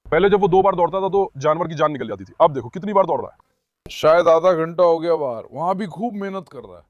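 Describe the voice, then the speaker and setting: A man filming his dogs, talking to viewers and calling and calming the dogs. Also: a little high, quick pace, dry recording, lo-fi sound. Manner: talks to viewers and calms his dogs in turns. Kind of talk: casual commentary to viewers.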